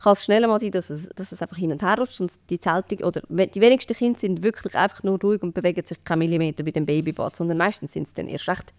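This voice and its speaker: A woman with a Swiss German accent explains baby care step by step in a relaxed podcast chat, with many fillers. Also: mid-range voice, no room sound. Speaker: baby care expert guest.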